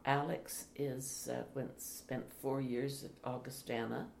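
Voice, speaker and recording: An older woman, a retired teacher, speaking slowly and reflectively in an interview. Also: extremely low pitch, fairly even intonation, vocal fry. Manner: slow, reflective, with soft laughs. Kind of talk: oral history interview. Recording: echoey room, faint hiss.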